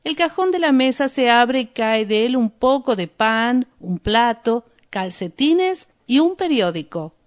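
Slow-reading woman narrator for learners. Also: on the high side, lively intonation. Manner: slow, deliberate, clear. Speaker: story narrator and language teacher.

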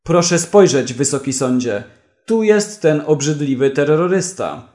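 A man voicing a brash male prisoner who shouts out loud, excited accusations in a read-aloud story. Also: fairly high pitch, measured pace. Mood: shouting.

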